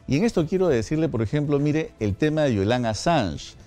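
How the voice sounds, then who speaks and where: A man, a studio guest explaining legal points in measured answers with frequent hesitations. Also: fairly high pitch, lively intonation, mellow. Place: radio studio.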